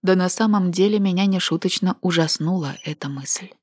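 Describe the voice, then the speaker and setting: A woman narrating a first-person audiobook in a steady, intimate, dramatic way. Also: on the low side, fairly quick, breathy edge, no room sound, clean studio sound.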